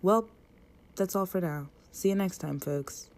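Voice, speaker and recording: A woman's voice: fairly low pitch, unhurried, heavy background noise. A young woman vlogger chatting casually, joking and exaggerating everything dramatically. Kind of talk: casual vlog chat. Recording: loud park music and crowd behind.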